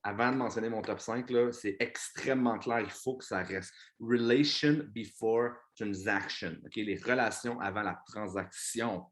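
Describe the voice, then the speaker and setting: Speaking in a lowish voice with a Québécois French accent, this man delivers an energetic motivational talk to his business team. He's unhurried yet barely pauses, swearing casually and using English words along the way.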